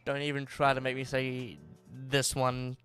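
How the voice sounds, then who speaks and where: A man with an Australian accent chats casually and rambles on a live game stream while driving, often trailing off and starting again. His medium-pitched voice is monotone, smooth and a bit bright, with a measured pace and faint music in the background.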